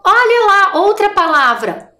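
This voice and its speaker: A woman's voice: very high-pitched, big pitch swings, pushed and bright, roomy sound. Sing-song woman teacher for young kids. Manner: encouraging, sing-song, slow and clear for children. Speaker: primary school teacher. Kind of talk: recorded remote class for young children.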